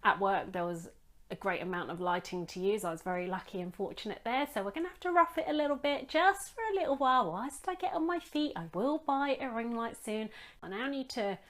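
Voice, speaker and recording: A woman's voice: fairly high pitch, animated, brisk, fairly bright tone. A woman from England vlogging casually from home into her phone's front camera, rambling and self-deprecating with a wry humour. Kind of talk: casual chatty vlog. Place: home room with daylight.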